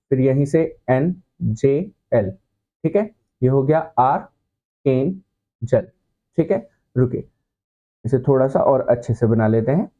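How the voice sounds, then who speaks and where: A man's voice: mid-range voice, dark tone. A man teaching a shorthand class in mixed with terms, patiently asking the students questions and answering them himself. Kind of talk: classroom lesson. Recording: dull lo-fi recording.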